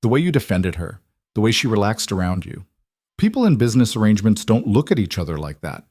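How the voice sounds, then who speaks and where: A sharp, blunt woman investor delivers her lines in a knowing, wry manner, read by a man in a storybook narration. The voice sits fairly low, and the recording is dry and close. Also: sing-song, fast, dry recording.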